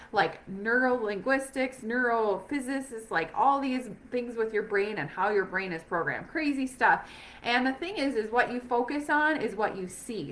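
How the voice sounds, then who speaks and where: A woman's voice: a little high, fairly bright tone. A woman talking casually and upbeat from home as a sales rep, with many fillers and restarts. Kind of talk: casual recruiting chat.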